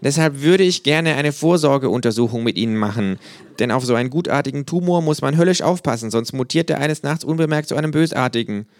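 A man's voice: mid-range voice, brisk, no room sound, pitched above the performer's own voice, close to an everyday voice. A man voicing a sarcastic know-it-all kangaroo who lectures drily, like a doctor giving a diagnosis. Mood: mocking.

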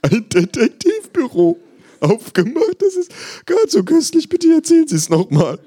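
A man voicing an affected, gushing male psychiatrist in a slow, sing-song falsetto. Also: very animated, warm tone, heavily acted.

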